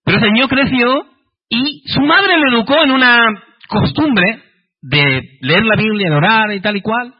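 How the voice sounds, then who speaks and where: A man, preaching a sermon in an animated way and acting out quoted prayers. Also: very high-pitched, measured pace, husky. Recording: muffled lo-fi recording.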